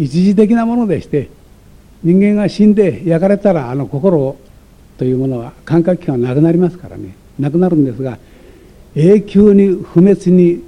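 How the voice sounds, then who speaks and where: A man's voice: a little high, warm tone. A man giving a lecture, reading passages from a text aloud and explaining them, with many hesitations, self-corrections and side remarks.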